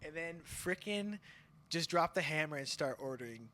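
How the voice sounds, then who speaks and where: A man's voice: fairly high pitch, animated, sharp tone. A man hosting a podcast, teasing his guests in casual, joking banter. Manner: joking, teasing, fast and loose. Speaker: podcast host.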